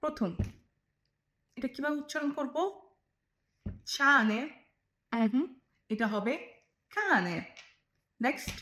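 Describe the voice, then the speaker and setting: A woman's voice: sits high, normal speed, long pauses, roomy sound. A woman teaching Italian pronunciation, drilling letters and syllables one at a time. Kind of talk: pronunciation lesson.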